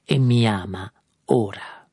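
A man reading an audiobook, voicing an angry jealous husband who blusters and moralizes with a gravelly, husky voice. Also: lowish voice, slow pace, dry recording, studio quality, heavily acted. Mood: indignant. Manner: indignant, loud, sarcastic.

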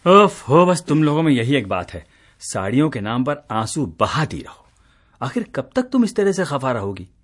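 Husky, lively radio-play husband, teasing and exasperated. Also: male voice, mid-range voice, normal speed. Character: teasing middle-aged husband, tired office worker. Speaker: radio drama actor.

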